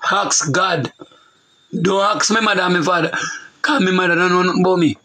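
Middle-aged Jamaican man, bright, tense delivery, emphatic repetitive preaching. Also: sits high, a little fast, poor audio. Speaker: preacher on a talk show. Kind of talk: loose preaching monologue.

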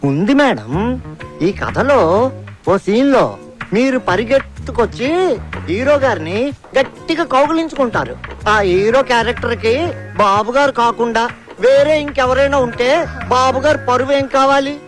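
An actress playing a polite, persuasive woman who pitches a clever idea in a comedy film. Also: expressive, a little slow, long pauses, soft background music. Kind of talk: comic film dialogue.

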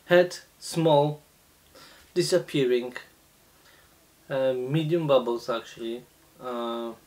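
Slow, halting man reviewing beer. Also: medium pitch, a little mellow. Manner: slow, halting, many fillers and restarts. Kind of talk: casual beer tasting review. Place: small indoor room, seated at a table.

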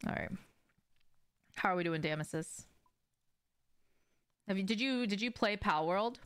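Playing a game on stream, a young woman chats loosely with viewers, using slang and swearing freely. Her medium-pitched voice has a clean tone and lively intonation, and she speaks a little slowly from a small shelved room at home.

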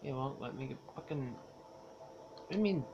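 A young woman with a low voice talks over a game she is playing. She is sarcastic and swears a lot, and her pitch swings widely as she reacts. A steady background noise runs under her voice. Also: moderate pace, highs cut off. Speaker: let's play streamer. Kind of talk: casual gameplay commentary.

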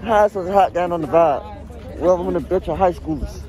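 A man's voice: sits high, moderate pace, darkish tone, low-quality recording. A teenage boy joking and acting cocky while filmed outdoors on a campus visit. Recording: phone video with crowd noise.

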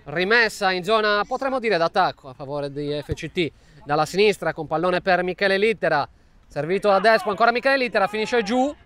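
A man's voice: high voice, animated, a little fast, fairly bright tone, clean tone. A man giving live play-by-play commentary on a football match.

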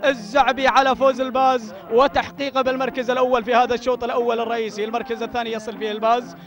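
A man calls a race live in a very high, rapid voice. He exclaims again and again and pours praise on the winners. His pitch stays on a narrow band, like an excited chant. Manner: exclaiming, repeating cries of praise. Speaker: race commentator.

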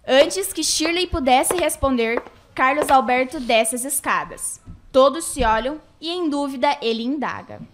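High-voiced woman narrating a radio soap. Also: lively intonation, a little slow, background noise.

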